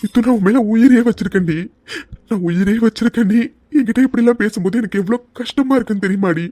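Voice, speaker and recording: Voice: mid-range voice, fast, dark tone, no echo, close to an everyday voice. A performer doing a devoted cartoon husband. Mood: hurt pleading. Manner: coaxing, then breaking into tears. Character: devoted young husband, emotional and teasing. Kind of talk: cartoon voice acting.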